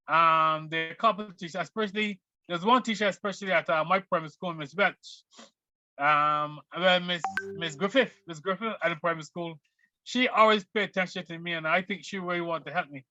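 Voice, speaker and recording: A middle-aged man from Barbados answering interview questions in a hesitant, halting way with many restarts. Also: high voice, sharp tone, dry recording. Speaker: guest. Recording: dull lo-fi sound.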